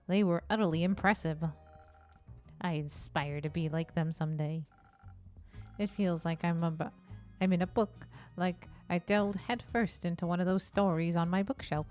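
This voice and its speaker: A woman's voice: lowish voice, darkish tone, natural voice. A woman voicing a nerdy, eager young man who dreams of being a hero, talking earnestly and a little formally. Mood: wistful. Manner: earnest, wide-eyed and formal.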